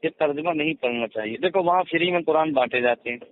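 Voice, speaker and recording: A man's voice: a little high, quick pace. A man speaking as a cleric in a religious discussion, firm in tone and rising sharply when he stresses a point. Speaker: cleric answering questions. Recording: tinny phone-like recording.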